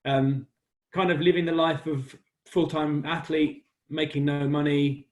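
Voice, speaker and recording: A fairly high-pitched, darkish voice with a flat, unhurried delivery belongs to a cycling commentator in his forties from West London, England, and the audio's highs are cut off. As an interview guest discussing his life in sport, he's casual, chatty and self-deprecating, laughing easily.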